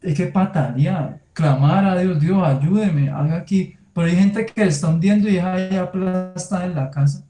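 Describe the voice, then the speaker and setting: A man's voice: high voice, moderate pace, hardly any pauses, soft background music. Echoey conversational preacher, a man. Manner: conversational preaching, addresses listeners directly; tells lively personal anecdotes with sound words. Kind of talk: sermon. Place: church hall. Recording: echoey room.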